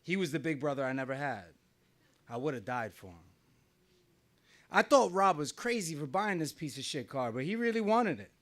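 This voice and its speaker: On stage at a small live venue, a middle-aged man from New Jersey, USA, tells a wry, conversational personal story and often laughs as he talks. His fairly high voice has a sing-song quality, a normal speed and a fairly bright tone.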